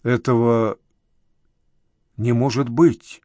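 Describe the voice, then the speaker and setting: A man voicing a grieving older uncle, halting and emotional in an audiobook. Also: medium pitch, fairly even intonation, warm tone, no room sound, clean studio sound, lightly acted. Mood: distraught.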